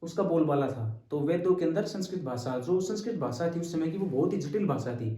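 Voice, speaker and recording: Mellow-voiced man teaching, distant and roomy. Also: on the high side, expressive, brisk. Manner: patient, repeats terms and checks in with "ठीक है". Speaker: Hindi teacher. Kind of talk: exam-prep lecture.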